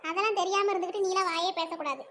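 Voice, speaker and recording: A woman's voice: very high-pitched, very fast, a bit bright, slight background noise. A woman voicing a haughty, quarrelsome teenage older sister in a cartoon. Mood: bickering. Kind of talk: cartoon voice acting.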